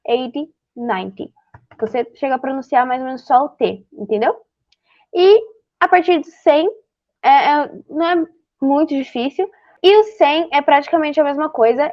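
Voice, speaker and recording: A young Brazilian woman with a high voice gives a relaxed English lesson, rambling a little and correcting herself as she goes. The sound is dry and somewhat dull, recorded up close. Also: no echo. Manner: chatty, filler-heavy, self-correcting. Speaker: English teacher. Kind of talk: casual online English lesson.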